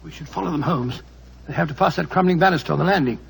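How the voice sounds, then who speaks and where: A man's voice: fairly high pitch, fast, gravelly, breathy edge, full character voice. A man acting a loyal, anxious doctor companion in 1940s radio style, fussy and stammering. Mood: agitated. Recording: noisy vintage radio recording.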